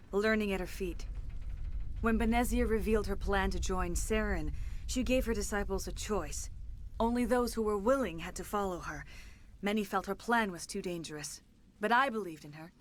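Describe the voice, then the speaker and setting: In a video game drama, an actress voices a centuries-old alien woman at a medium pitch, close to an everyday voice. Her phrasing is formal and grave, carrying a serene, remorseful dignity.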